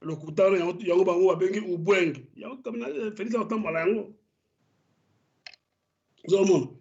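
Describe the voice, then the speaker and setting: High-voiced Congolese man, heated commentary. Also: a little fast, darkish tone. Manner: impassioned, stammers on restarts. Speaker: political commentator. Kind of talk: studio debate commentary. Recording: dull lo-fi broadcast audio.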